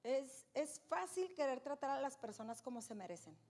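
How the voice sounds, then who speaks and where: A middle-aged woman, giving an animated, emphatic faith testimony as a guest speaker and turning often to her audience. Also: high voice, normal speed.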